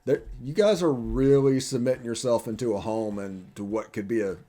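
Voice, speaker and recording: A man's voice: mid-range voice, normal speed, dark tone. Chatty, joking podcast host, a man. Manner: chatty, joking, loose run-on sentences. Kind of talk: casual sports podcast chat.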